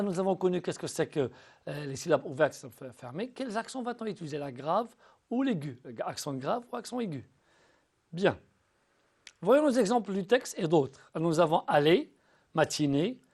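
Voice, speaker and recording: Patient high-pitched male teacher. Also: darkish tone, husky. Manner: patient, slowly spells out syllables and addresses pupils; often repeats and restarts words. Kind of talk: recorded school lesson.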